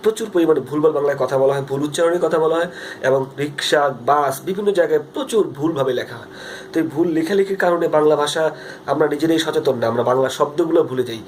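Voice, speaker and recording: Fast-talking Bangladeshi man on a phone vlog. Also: a little high, slight background noise. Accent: Bangladeshi Bengali. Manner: earnest, rambling with frequent fillers and restarts. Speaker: vlogger. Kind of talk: casual video diary monologue. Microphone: phone front camera.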